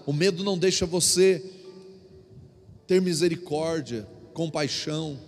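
Animated Brazilian preacher in a reverberant church. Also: male voice, fairly high pitch, unhurried, a little hiss or hum. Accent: Brazilian Portuguese. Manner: animated storytelling preacher, acts out quotes with jokes. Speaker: apostle preaching. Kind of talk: sermon. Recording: long church-hall reverb with faint music.

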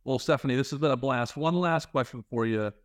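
A man hosting a casual interview, speaking haltingly and repeating words as he shapes his thoughts. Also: mid-range voice, no room sound, clean studio sound. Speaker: podcast interview host.

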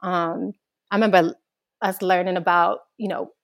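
Young woman guest, earnest and reflective, slightly low voice, dry close mic. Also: moderate pace, no room sound. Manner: earnest, flowing, animated when recounting childhood. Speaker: guest, organizer. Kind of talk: reflective interview answer.

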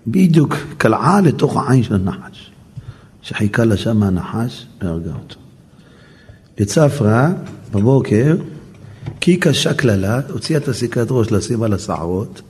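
A male rabbi tells a Talmud story as a lesson. He quotes the Aramaic and then explains it in lively storytelling. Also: fairly low pitch.

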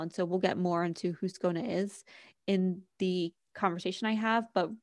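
A woman hosts a podcast with bright enthusiasm, moving from a scripted intro into a friendly interview. Her voice sits at an ordinary middle pitch. It is captured close and dry, with no room sound. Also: dry recording. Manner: upbeat and enthusiastic. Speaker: podcast host.

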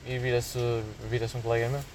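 A man's voice: mid-range voice, completely flat delivery, a little fast, darkish tone, a little hiss or hum, low-quality recording. A young man with a Portuguese accent, chatting casually as podcast co-host, laid-back, swearing and telling anecdotes. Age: young adult. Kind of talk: casual chat.

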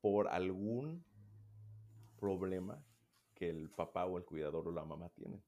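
A man with a very low voice speaks in a relaxed, explanatory way. He talks through child welfare work in a casual conversation. He acts out examples, at times raising his voice sharply and at times dropping to a hush. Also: a little slow.

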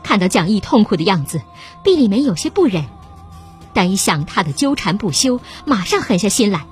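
Woman storyteller, lively pitch, steady read. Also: a little fast, soft background music. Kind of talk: scripted narration.

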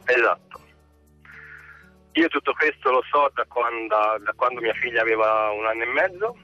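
A middle-aged man calling in over the phone from his parked car, speaking in a halting, hesitant way. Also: mid-range voice, no room sound, soft background music. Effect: heard over the phone. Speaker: caller. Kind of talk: call-in radio chat. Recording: dull lo-fi phone line.

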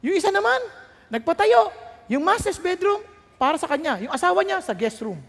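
A man preaching a sermon in a very high voice for a man. He mixes Tagalog and English and climbs to shouted peaks. His voice rings with the long reverb of a large hall. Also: very animated, brisk, vocal fry.

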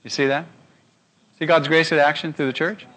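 A male pastor delivering a sermon, animated and constantly asking his audience questions. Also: on the high side, normal speed.

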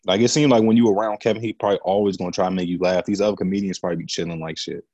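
A man's voice: deep voice, steady tone, very fast, darkish tone, no room sound, muffled recording. A man hosting a casual podcast chat, slangy and often putting questions to his friends. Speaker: podcast host.

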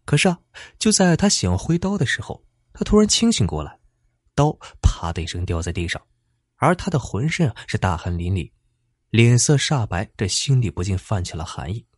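A male storyteller narrates with dramatic flair, drawing out small particles between phrases. His voice is husky and fairly low, with wide, lively pitch. The recording is dry and close. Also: moderate pace, no echo.

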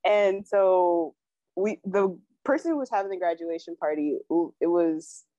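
A young woman co-hosts a casual chat podcast, speaking in a lowish, unhurried voice as she tells a story and animatedly acts out what people said. The recording is dry and has a dull, lo-fi sound.

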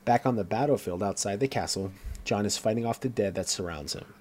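Male co-host with a lower voice, narrates the action scene by scene, stumbles and restarts. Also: a little fast, a little mellow. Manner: reads along with fillers and self-corrections. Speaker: co-host recapping a TV episode. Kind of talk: casual scene-by-scene recap.

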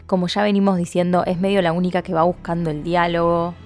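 A woman's voice: on the low side, level tone, fast, darkish tone, faint music behind. A woman co-hosting a podcast, chatting casually and animatedly, laughing often and using slang. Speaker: podcast co-host. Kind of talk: casual chat recapping a book.

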